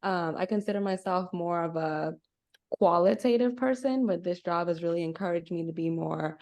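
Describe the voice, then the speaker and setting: A young Bahamian woman co-hosts a podcast over a video call, chatting casually and reflectively and introducing herself. Her voice is on the low side and darkish, at normal speed, and she often says "kinda" and "right?".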